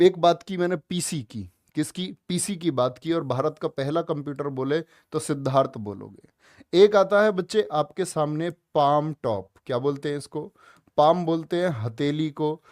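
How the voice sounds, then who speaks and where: A man teaching a live online class, loud and emphatic, drilling students with repeated questions. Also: fairly high pitch, no room sound, clean studio sound.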